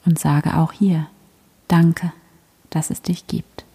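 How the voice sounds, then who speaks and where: A woman guiding a prayer meditation in a soft, breathy whisper, gentle and soothing. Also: sits low, little pitch movement, slow pace.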